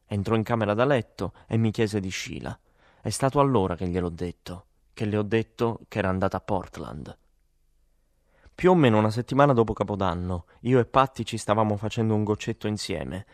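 A man with a low voice reads a first-person story aloud in a measured, matter-of-fact way. The recording is dry and close, with no room sound. It is a steady audiobook read. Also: no echo. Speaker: audiobook narrator. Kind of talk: scripted literary narration.

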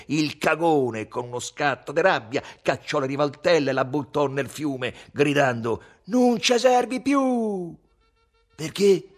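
Husky male audiobook narrator. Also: medium pitch. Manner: steady, expressive storytelling. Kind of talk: audiobook reading of a novel.

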